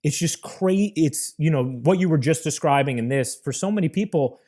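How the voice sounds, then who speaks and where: A man's voice: a little high, expressive, moderate pace, dark tone. A man hosting a podcast, framing a question with many hesitations and fillers. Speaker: podcast host. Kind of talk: podcast interview.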